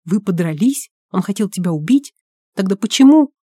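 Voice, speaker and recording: A man's voice: sits high, no room sound, clean studio sound. A woman voicing an agitated, talkative man who keeps pressing his friend with questions, reading an audiobook. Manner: excited rapid-fire questioning.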